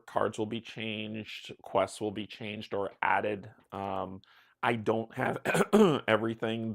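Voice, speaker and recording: A man with a medium-pitched, creaky voice hosts a casual tabletop game livestream. He's chatty and upbeat, greets his viewers by name, and makes self-deprecating jokes.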